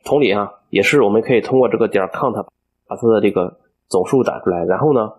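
A man teaching a coding tutorial over a screen recording, explaining each step aloud and filling pauses as he thinks. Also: fairly low pitch, breathy edge. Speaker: programming instructor.

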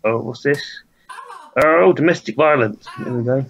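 A man's voice: mid-range voice, moderate pace, creaky, dull audio. A man giving an improvised, mocking director's commentary, rambling with many hesitations. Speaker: video commentator.

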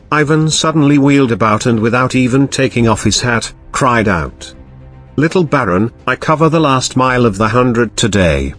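A man reading an audiobook aloud in a measured, old-fashioned storytelling manner. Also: mid-range voice. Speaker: audiobook narrator. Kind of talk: scripted audiobook narration.

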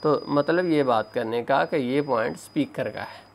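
A phone repair instructor walks viewers through a hands-on tutorial step by step, frequently calling them his friends. His gravelly, creaky voice is mid-pitched, and he moves at a moderate pace.

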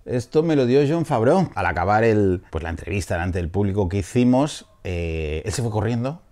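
A man's voice: fairly low pitch, lively intonation, moderate pace, dark tone. Chatty, jokey Spanish male film critic. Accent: Peninsular Spanish. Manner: chatty, jokey, rambling asides. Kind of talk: casual video review.

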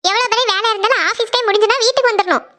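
A woman's voice: extremely high pitch, rapid-fire, pushed and bright. A woman voicing a young wife in a cartoon who scolds her husband for coming home late. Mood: scolding. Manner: nagging, scolding. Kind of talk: cartoon voice acting.

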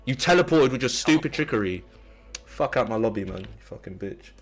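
A man's voice: medium pitch, expressive, quick pace. A male streamer trash-talking opponents, taunting and insulting them with scornful repeated questions. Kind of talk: live-stream trash talk. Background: game music.

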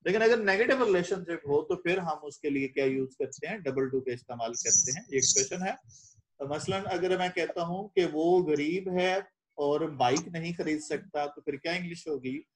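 A man's voice: on the high side, moderate pace. A middle-aged man from Pakistan giving an English lecture in Urdu, quizzing students and translating line by line. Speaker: English teacher.

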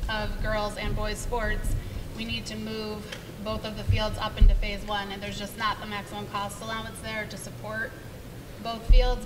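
Woman explaining building plans at a meeting, pretty flat, far from the mic, noisy room. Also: mid-range voice. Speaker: project presenter. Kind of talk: answering questions at a presentation. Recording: distant mic with room noise.

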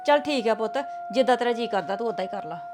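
A woman's voice: a little high, animated, fast talker, loud music behind the voice, lightly acted. A middle-aged actress playing a sweet-talking, scheming mother-in-law in a coaxing, motherly manner. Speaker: actor. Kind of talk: web series drama acting.

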